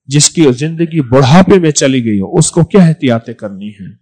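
In a fairly high voice, a preacher delivers a sermon, repeating phrases for emphasis. He swings between loud, forceful stresses on some words and soft, quiet drops on others, and the recording is rough.

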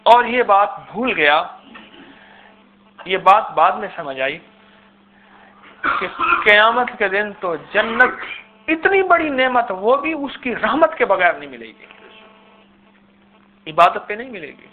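A male preacher delivering an impassioned religious sermon, swinging between hushed lines and loud outbursts. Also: high voice, sing-song, takes it slowly, long pauses. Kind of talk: Urdu-flavored religious sermon. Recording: tinny phone-like recording with hum.

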